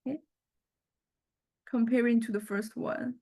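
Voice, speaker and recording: Walking through a software demo without a script, a female lecturer teaches informally in a fairly high, steady voice. She takes her time, and her hesitant, halting phrasing is dotted with little check-ins.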